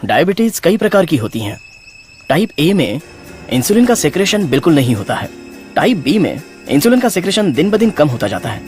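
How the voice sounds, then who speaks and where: A man's voice: fairly high pitch, very animated, a little fast, darkish tone, faint music behind. A man dubbing a cheerful, easygoing doctor who is an old family friend, in a Hindi film dub. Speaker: actor in a dubbed film.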